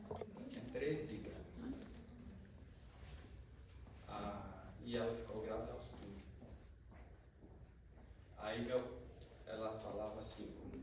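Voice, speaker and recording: Man, conversational storyteller, distant from the mic, very echoey room, background noise. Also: mid-range voice. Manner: conversational, recounting family stories. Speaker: participant sharing a story. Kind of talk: casual anecdote in a group talk.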